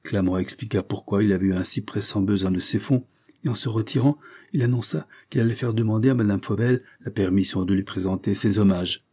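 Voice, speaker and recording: A man reading a classic novel aloud in a steady, measured audiobook narration. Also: fairly low pitch, slightly rough.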